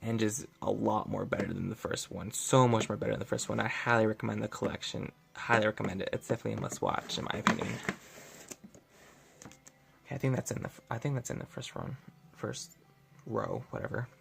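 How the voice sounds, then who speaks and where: Gravelly-voiced young man rambling casually. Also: lowish voice, steady tone, fairly quick, fairly bright tone, a little hiss or hum. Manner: rambling, filler-heavy, self-correcting. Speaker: vlogger. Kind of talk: casual unscripted video review.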